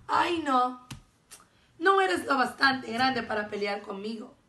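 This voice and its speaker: Woman putting on a shrill grumpy ladybug. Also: lively intonation, slow, full character voice. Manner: shouting, loud and shrill. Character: grumpy bossy little female ladybug. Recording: echoey room, voice from far off.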